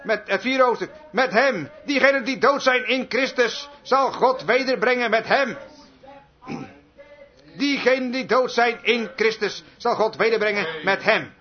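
A fervent male preacher with a high voice, firing rhetorical questions and answering them himself. He repeats his key lines for weight. The recording sounds dull and lo-fi, like an old sermon tape. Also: unhurried. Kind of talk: revival sermon with altar call.

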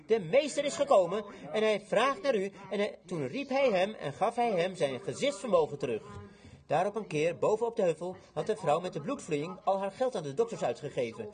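A male preacher delivering a sermon in dramatic storytelling fashion, swinging between loud outbursts and hushed passages. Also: sits high, big pitch swings, brisk.

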